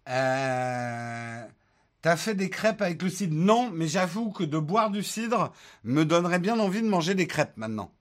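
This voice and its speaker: A man hosts a casual tech livestream, answering viewers' chat questions in a loose, chatty way full of fillers and joking asides. His voice is a little high with lively intonation and a measured pace. Born in France and raised in the United States, he speaks English as his first language.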